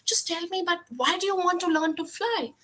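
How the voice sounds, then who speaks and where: Woman voicing a puzzled calm snake. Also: very high voice, moderate pace, voice pushed up. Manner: puzzled, plain-spoken.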